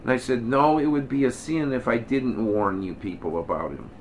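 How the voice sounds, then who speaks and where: A man's voice: mid-range voice, normal speed, a little hiss or hum. An older man preaching in a plain-spoken, folksy way, now and then lifting his voice into emphatic quoted lines. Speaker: minister. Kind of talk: conversational sermon.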